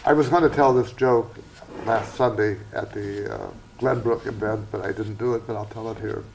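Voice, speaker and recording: Male host, folksy storyteller, gravelly voice, faint background noise. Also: lowish voice, fairly even intonation, normal speed, darkish tone, rough recording. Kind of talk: hosting and telling a joke.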